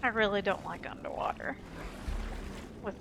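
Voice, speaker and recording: Amid game music and sounds, a woman gamer chats informally and pokes fun at herself while she plays. Her mid-range voice moves at normal speed in a very noisy recording.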